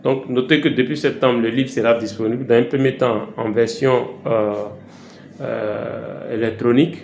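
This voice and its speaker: Recorded while travelling, in an echoey room with a light hiss, an Ivorian man gives a relaxed language-lesson vlog in his Ivorian French accent. He moves slowly, pausing frequently and repeating words for learners, in a mid-range, creaky voice with fairly even intonation.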